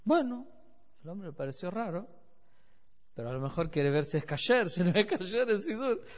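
A middle-aged man with an Argentine accent preaches by way of anecdotes and slips into the voices of the people in them. His voice sits a little high and swings freely up and down. The sound carries a long echo, as in a hall. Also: sing-song, normal speed. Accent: Argentine Spanish. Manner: storytelling, acts out quoted voices. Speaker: rabbi. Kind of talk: sermon with anecdotes.

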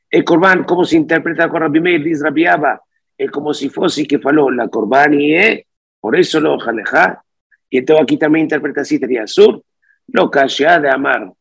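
Gravelly, husky man teaching a text. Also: a little high. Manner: reads phrases aloud, then explains them; mixes Portuguese words into his speech. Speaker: Talmud teacher. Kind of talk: text study lesson.

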